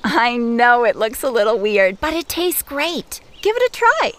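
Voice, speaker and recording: A woman voicing a calm, cheerful female substitute ranger with a breezy, reassuring manner. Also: on the high side, unhurried, background noise. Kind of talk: cartoon voice acting.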